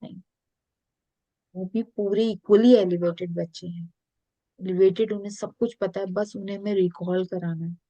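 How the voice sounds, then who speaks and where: A woman's voice: mid-range voice, steady tone, measured pace, dark tone, no room sound. A woman spiritual coach telling stories in a podcast interview, earnest, mixing English phrases into her talk.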